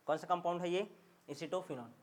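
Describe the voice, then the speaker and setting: This chemistry lecturer has a high, brisk male voice. Emphatic and repetitive, he poses each question twice, echoes questions and answers back and forth with the class, and keeps checking that everyone understands.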